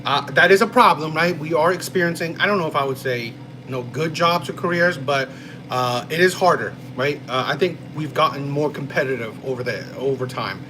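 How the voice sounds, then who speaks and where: A man's voice: on the high side, fairly quick. Rambling streamer guy, air-con hum. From New Jersey, USA. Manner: rambling, frequent "right?" and "you know". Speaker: live-stream host reading chat. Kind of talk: casual live-stream chat.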